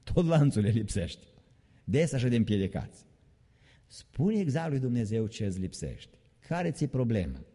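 Deep-voiced preacher in a reverberant hall. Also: male voice, big pitch swings, dark tone, breathy edge. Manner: emphatic, repeats key phrases, mocking jokes. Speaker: pastor. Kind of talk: evening sermon. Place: church sanctuary. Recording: long reverb of a church hall.

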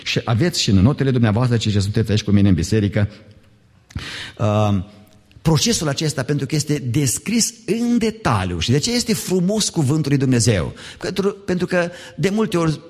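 A male pastor preaching a sermon in a church, animated and asking the congregation rhetorical questions. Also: medium pitch, husky. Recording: long church hall reverb.

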